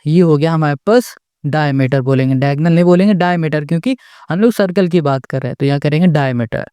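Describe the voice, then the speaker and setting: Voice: mid-range voice, fast talker, mellow, clear, resonant tone, no echo. A maths tutor giving a step-by-step lesson. The tutor keeps asking the class rhetorical questions and checks in with "okay?" after each step, patiently restating points.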